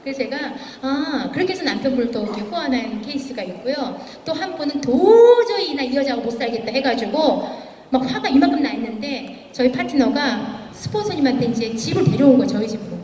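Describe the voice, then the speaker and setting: On stage in a large event hall, a woman guest speaker tells anecdotes and acts out the quoted dialogue in a motivational speech. Her voice is high and mellow, with lively intonation and a slightly fast pace. The recording is echoey, with the mic far from her.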